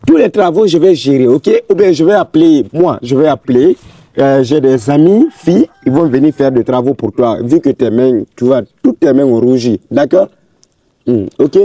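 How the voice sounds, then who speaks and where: A man's voice: medium pitch, expressive, normal speed, mellow, dry recording, far from the mic. A man playing an older brother who keeps apologizing and coaxing his little sister, in a comedy film. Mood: pleading. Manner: pleading, coaxing.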